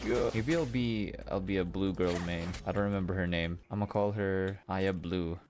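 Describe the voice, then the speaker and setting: A man's voice: deep voice, fairly even intonation, normal speed, a little mellow, slight background noise. A man doing casual let's play commentary, thinking aloud in a puzzled, playful way. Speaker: gamer playing a game for the first time.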